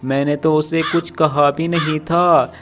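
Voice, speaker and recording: A frail, elderly crow mother in a storybook cartoon, pleading and plaintive, as a man acts her out. The voice runs a little high over faint music. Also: fairly even intonation, takes it slowly, fairly bright tone. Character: old frail female crow mother-in-law.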